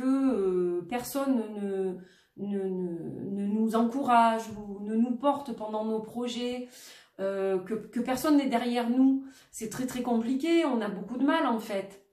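A woman doing a daily oracle card reading for her viewers, gentle and reassuring, often repeating herself. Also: a little high, distant mic. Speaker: tarot and oracle card reader. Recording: roomy echo, voice set back from the mic.

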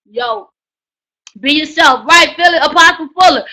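Woman, very high pitch, bright tense voice, loud hollering teacher, slangy preacher-like pep talk. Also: a little slow, poor audio. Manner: repetitive "you gotta" slangy coaching. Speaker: writing class teacher. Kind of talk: live online class on book promotion.

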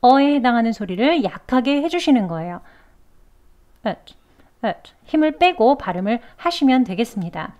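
A woman teaching English pronunciation in a calm, explanatory way, slowing down to model words. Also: fairly high pitch, muffled recording. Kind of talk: pronunciation lesson.

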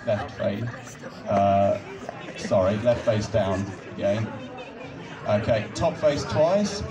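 A man's voice: on the low side, animated. A young man on an outdoor stage at night, politely giving step-by-step instructions into a handheld mic. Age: young adult. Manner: patient, polite, slow instructions with soft laughs. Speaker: instructor guiding a cube solve. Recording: distant mic with crowd and music.

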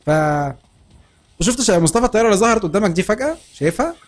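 Man, Egyptian Arabic accent, gaming commentary, high voice, rapid-fire talk, excitable. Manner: rapid, laughing, shouting in excitement. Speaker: gaming channel host.

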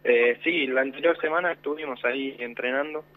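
Young Argentine footballer on a tinny phone line, modest short replies. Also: male voice, medium pitch, fairly quick, no echo. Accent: Rioplatense Spanish. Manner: short modest answers, soft-spoken. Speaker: young football player, guest.

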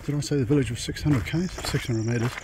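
In a noisy outdoor recording with rural sounds behind him, a man walks a dirt track on a long pilgrimage route and vlogs casually, thinking aloud about his plans in a rambling way. His voice is mid-range and his pace is quick.

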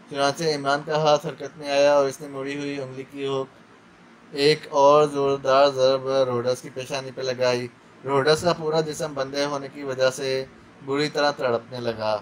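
Man, audiobook narrator, spy thriller, measured, faint noise. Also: mid-range voice, low-quality recording. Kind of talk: dramatic novel narration.

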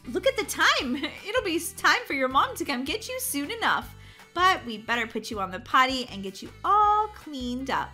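A woman's voice: sits high, very animated, moderate pace, sharp tone, soft background music, full character voice. A woman voicing a patient daycare teacher who talks in soothing, sing-song baby talk in a children's toy story. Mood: coaxing.

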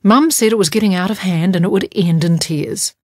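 A woman with a New Zealand accent narrates a children's storybook in a measured way. Her voice sits slightly low. It is recorded close and dry. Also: a little mellow, dry recording.

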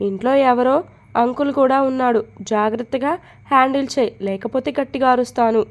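Feisty sassy young woman, read by a lady, scolds and talks back, highish voice. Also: steady tone, brisk, dull audio.

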